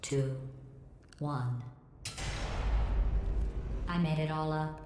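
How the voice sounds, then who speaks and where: A woman voicing a cold, sarcastic female AI overseer, with a deadpan, passive-aggressive manner and a synthetic processed sound. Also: low-pitched, very slow. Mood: mocking. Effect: synthetic computer voice processing. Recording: roomy game audio with heavy background noise.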